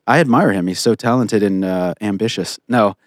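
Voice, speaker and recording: A man's voice: fairly low pitch, moderate pace, dry recording, studio quality. A man co-hosting a podcast in casual chat, blunt and opinionated, swearing freely and restarting his sentences often. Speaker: podcast co-host.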